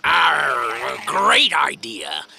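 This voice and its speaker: A gravelly pirate captain. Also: male voice, fairly high pitch, big pitch swings, drawn-out words, over loud music, heavily acted. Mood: hearty. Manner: pirate growls, hearty exclamations. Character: gruff shifty male pirate captain. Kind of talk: children's TV puppet comedy.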